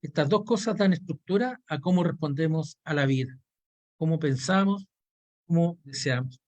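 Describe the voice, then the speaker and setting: A man teaching a Bible counseling lesson, explaining a diagram step by step. He speaks in a measured way, and his voice sits a little higher than most men's. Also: darkish tone. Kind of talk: online course lesson.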